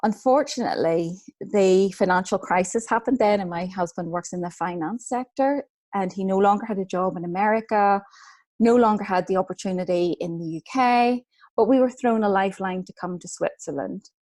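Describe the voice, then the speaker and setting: Soft-spoken Northern Irish woman. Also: medium pitch, normal speed. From Northern Ireland. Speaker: guest speaker, author and book coach. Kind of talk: personal storytelling.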